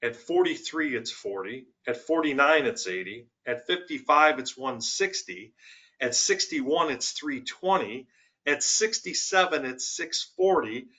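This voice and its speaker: A man's voice: medium pitch, animated, measured pace, sharp tone. A man explaining money principles on a webinar, walking through worked examples with emphasis. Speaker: financial executive guest.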